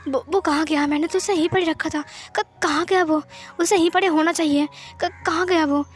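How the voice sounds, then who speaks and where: A woman's voice: very high-pitched, steady tone, normal speed, faint music behind. A woman voicing a flustered old grandmother who mutters and stammers anxiously. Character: flustered old grandmother searching her things.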